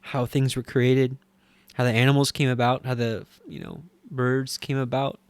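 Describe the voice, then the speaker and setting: A man teaching scripture and reading it aloud, earnest and halting, with frequent restarts and moments of strong feeling. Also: mid-range voice, flat delivery, smooth, no room sound. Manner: easily moved, voice swelling with feeling. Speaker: Bible teacher.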